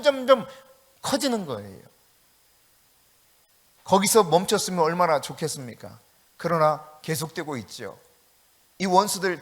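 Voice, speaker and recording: A male pastor preaching a sermon, swinging from loud outbursts to hushed, quiet lines. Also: high voice. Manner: dramatic swings from shouting to hushed.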